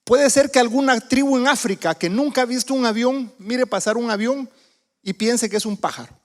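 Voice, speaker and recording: A man from Guatemala gives a sermon in a church, his high voice ringing out with a long reverb. He talks in a loose, conversational way and keeps asking the congregation questions. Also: moderate pace. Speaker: visiting preacher. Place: church sanctuary.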